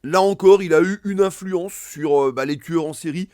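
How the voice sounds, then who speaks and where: A man's voice: on the high side, moderate pace, warm tone, no room sound, clean studio sound. A man casually reviewing films and series, rambling with many fillers and restarts. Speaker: film reviewer. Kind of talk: casual film review monologue.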